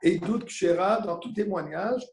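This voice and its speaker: A man's voice: high voice, unhurried, a little mellow. A man giving a Torah lesson as a rabbi, telling a story and answering his own questions, with Hebrew terms mixed in. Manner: mixes Hebrew terms into French.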